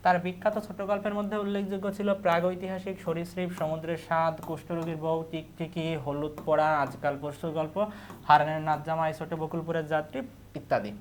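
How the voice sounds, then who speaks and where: A man's voice: fairly high pitch, level tone, brisk, a little hiss or hum. A man, a teacher giving an exam review lesson, who reads each question aloud and repeats the answer. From Bangladesh.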